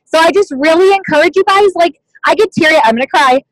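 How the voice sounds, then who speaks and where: A woman's voice: extremely high pitch, quick pace, no room sound, low-quality recording. A woman leading a team meeting over a video call, talking in a chatty, casual way full of "like" and "you guys". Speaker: team leader at a sales meeting. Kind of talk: motivational team meeting talk.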